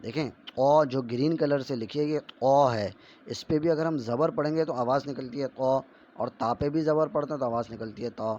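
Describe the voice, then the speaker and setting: A man teaching a Quran reading lesson, drawing out syllables slowly and loudly, then explaining the rules more quickly and quietly. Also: mid-range voice, highs cut off. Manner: loud slow drawn-out syllables alternating with quick quieter explanations. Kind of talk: slow recitation drill with explanations.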